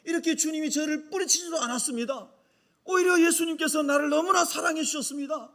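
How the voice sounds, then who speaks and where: A man's voice: extremely high pitch, quick pace, a bit bright. A man preaching as a humble, hot-tempered Galilean fisherman apostle, making an earnest first-person confession. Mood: grateful.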